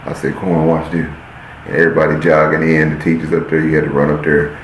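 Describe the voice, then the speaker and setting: A man's voice: extremely low pitch, completely flat delivery, fast. A man hosting a podcast, telling a story in a casual way, often turning to his listeners with "y'all" and acting out the scenes as he goes. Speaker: podcast host. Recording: roomy echo, faint hiss.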